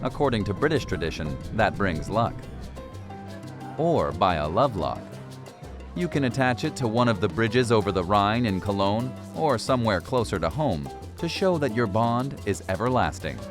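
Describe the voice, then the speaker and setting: Low-voiced man narrating a travel documentary. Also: very animated, normal speed. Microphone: studio voice-over. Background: background music.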